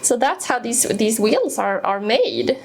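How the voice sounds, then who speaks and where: A woodworking host from Sweden, with a high-ish, sing-song and gravelly voice, speaks unhurriedly as she demonstrates a tool in her home workshop. She explains each step casually, with fillers and restarts, over a little hiss or hum.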